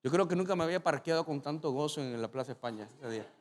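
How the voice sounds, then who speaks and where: Animated male pastor preaching. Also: a little high, fast. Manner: animated storytelling with sudden loud climaxes. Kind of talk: sermon.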